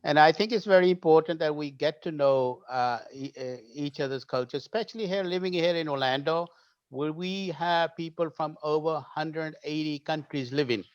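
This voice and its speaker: A man with a smooth, resonant voice speaks earnestly as a podcast guest, often pausing to find his words. The sound is dry and somewhat dull. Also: fairly high pitch, no echo. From Pakistan, raised in Britain. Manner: earnest, with many hesitations. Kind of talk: conversational panel talk.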